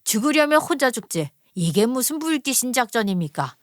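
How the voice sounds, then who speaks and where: A woman voicing a spiteful older mother-in-law who scolds in a shrill, contemptuous way. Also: very animated, moderate pace, no echo, clean studio sound. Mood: scolding. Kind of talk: storytelling radio narration.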